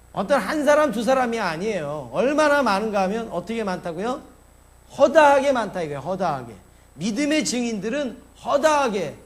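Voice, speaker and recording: A male pastor preaching a Sunday sermon, emphatic, asking the congregation questions and answering them himself. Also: high voice.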